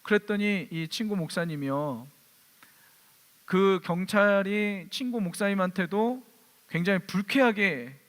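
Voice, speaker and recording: A male pastor giving a sermon, telling a personal story in a lively way and asking the congregation rhetorical questions. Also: sits high, measured pace. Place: church hall. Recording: long church hall reverb.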